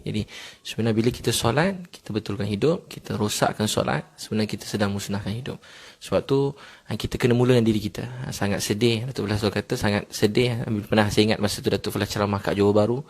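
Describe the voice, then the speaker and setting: A man giving a religious talk, telling personal stories quickly and filling pauses with a short "ha". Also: fairly low pitch, creaky. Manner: quick storytelling with many filler "ha"s. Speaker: Islamic preacher.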